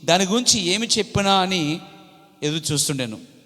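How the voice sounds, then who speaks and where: A man with a Coastal Andhra Telugu accent preaching a sermon in church, with polite tags on his sentences and swelling louder on key phrases. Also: high-pitched, animated, moderate pace. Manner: polite "andi" tags throughout. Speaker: pastor. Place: church hall. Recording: long reverb of a church hall.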